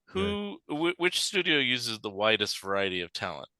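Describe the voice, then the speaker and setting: A podcast host with a very bright, forceful voice asks curious questions and chuckles between them. His sound is dry and close. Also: mid-range voice, very animated, moderate pace, dry recording. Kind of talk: casual podcast conversation.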